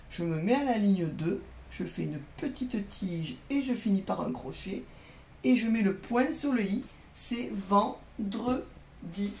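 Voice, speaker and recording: A teacher explains a handwriting lesson to children step by step, in a clear and patient voice with a gravelly edge. The mic sits some way off in an echoey room. A faint hum of room noise runs underneath. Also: mid-range voice, a little mellow, far from the mic.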